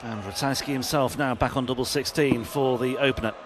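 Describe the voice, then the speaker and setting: A man's voice: medium pitch, steady tone, brisk. A man giving live darts commentary as the lead commentator. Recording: clear venue noise behind the commentary.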